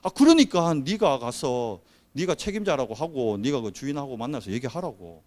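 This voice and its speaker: A blunt older pastor with a Gyeongsang accent, giving curt orders in a lively, swooping voice, as a preacher acts out his lines. The pitch sits mid-range for a man. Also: normal speed, close to an everyday voice. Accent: Gyeongsang Korean.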